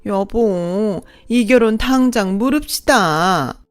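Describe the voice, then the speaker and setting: A woman's voice: on the high side, big pitch swings, a little slow, darkish tone, pitched above the performer's own voice. A woman narrator voicing a haughty, scornful middle-aged mistress who sneers and talks down to people, with faint music behind. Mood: indignant.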